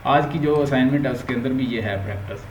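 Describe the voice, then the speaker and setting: This time the Pakistani-accented linguistics teacher talks fast in a mid-range, slightly mellow voice, its highs cut off. He explains his online lecture step by step in Urdu laced with English terms, recorded with a roomy echo and faint background hum.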